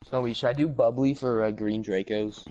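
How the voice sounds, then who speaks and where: Male friend on a game stream, mid-pitched, playful and joking. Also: steady tone, fairly quick, a little mellow, dull audio. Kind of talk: casual gaming chat.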